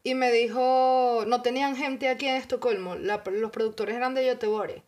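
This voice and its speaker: Hesitant, somewhat high-voiced woman. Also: fairly even intonation, darkish tone. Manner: hesitant, halting storytelling. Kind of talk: casual chat.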